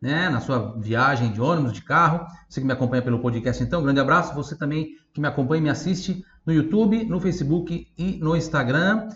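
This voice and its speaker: Male language teacher, podcast lesson, slow repeated words, spelled letter by letter, slightly dull lo-fi sound. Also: fairly high pitch, a bit bright, echoey room. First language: Portuguese. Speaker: Italian teacher.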